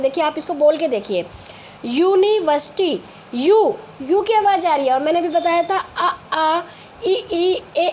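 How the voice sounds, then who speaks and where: A woman teacher with an Indian English accent and a high voice. She explains patiently, repeats sounds one by one, and draws out her example sentences. A faint hiss sits under the recording. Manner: reads example sentences slowly and drawn out. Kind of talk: grammar lesson for school children.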